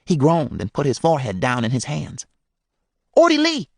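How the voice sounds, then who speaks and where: A man reading a first-person novel aloud in a measured, expressive way. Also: medium pitch, vocal fry, breathy edge, no echo, clean studio sound. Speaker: audiobook reader. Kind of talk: storybook narration.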